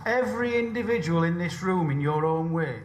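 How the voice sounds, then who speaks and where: A man's voice: fairly high pitch, expressive, brisk. A man giving a formal ceremonial speech with emphatic phrasing in an echoey room. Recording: echoey room, faint noise.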